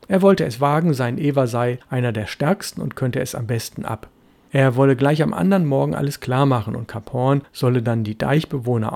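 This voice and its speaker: A male narrator reads the story aloud in a calm, even, measured way. His voice has a gravelly grain and a dark, mellow tone. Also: mid-range voice. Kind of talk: audiobook narration.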